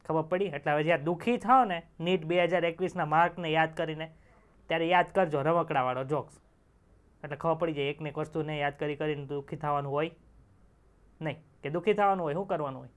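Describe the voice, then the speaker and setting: A man's voice: fairly high pitch, quick pace, clear, resonant tone. A young male teacher, giving an online exam-prep lecture in a chatty way, telling jokes and quizzing students with rhetorical questions.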